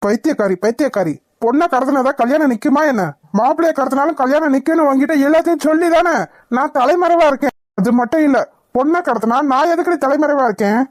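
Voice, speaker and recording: A woman's voice: sits high, fast, a little mellow, no room sound, natural voice. A woman voicing a worried young man in a cartoon, who pleads and defends himself in an anxious manner. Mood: defensive. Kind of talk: Tamil cartoon voice acting.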